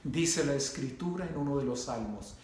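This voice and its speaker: A man's voice: mid-range voice, animated, normal speed, darkish tone, heavy reverb, a little hiss or hum. A man preaching a sermon with impassioned, rhythmic repetition of his phrases.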